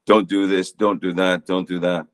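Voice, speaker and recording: A man co-hosting a casual podcast, teasing his friend and giving relaxed, rambling explanations. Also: deep voice, moderate pace. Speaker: podcast co-host and teacher.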